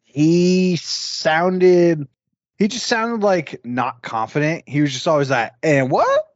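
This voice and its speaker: A man's voice: on the high side, expressive, slow, no echo, lo-fi sound. A man co-hosting a podcast in casual chat, rambling with lots of "like" fillers. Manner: rambling, heavy use of "like". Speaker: podcast co-host.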